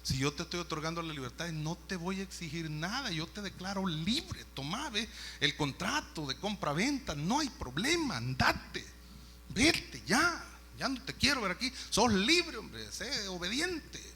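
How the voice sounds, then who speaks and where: A man's voice: fairly high pitch, fairly even intonation, brisk, few pauses. A preacher voicing a generous male master who keeps urging his freed slave to go, in a raised, pressing tone. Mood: insistent. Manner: insistent, coaxing, rising loud.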